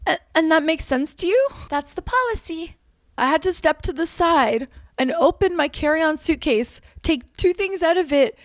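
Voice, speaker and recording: High-voiced woman ranting sarcastically. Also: dry recording, clean studio sound. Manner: sarcastic, exasperated, swearing freely; loud outbursts and rhetorical questions. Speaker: comedian and show host. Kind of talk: comedic rant to camera.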